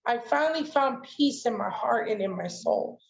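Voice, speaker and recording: A poet taking part in a showcase recites her own poem in an emphatic, declamatory spoken word style. Her fairly high, creaky voice has lively intonation and a moderate pace, captured in roomy, dull lo-fi online audio.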